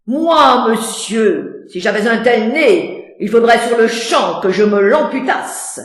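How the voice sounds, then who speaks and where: A woman's voice: fairly high pitch, big pitch swings, slow pace, heavy reverb. A woman playing a proud, mocking theatrical swordsman, declaiming verse like a hammy stage actor. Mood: forceful, mocking.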